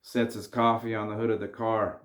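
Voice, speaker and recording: A man's voice: fairly low pitch, level tone, moderate pace, reverberant. A man talking casually straight to camera, slangy and earnest as he warns viewers to keep their cool. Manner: laid-back, slangy, earnest. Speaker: vlogger. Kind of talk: casual advice monologue.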